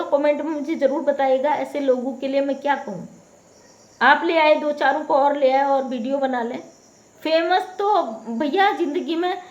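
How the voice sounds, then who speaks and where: A woman talking softly but indignantly in a late-night home vlog, confronting her critics. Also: high voice. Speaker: vlogger. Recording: echoey room, dull lo-fi sound.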